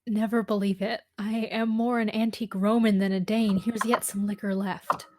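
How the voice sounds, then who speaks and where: A woman reads a young nobleman's loyal friend in a stage tragedy. The delivery is earnest and measured, with very little melody and a solemn, grieving temper. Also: mid-range voice, little pitch movement, darkish tone, slight background noise, close to an everyday voice. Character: loyal, grieving male friend of a dying prince. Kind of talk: amateur read-through of Shakespeare verse drama.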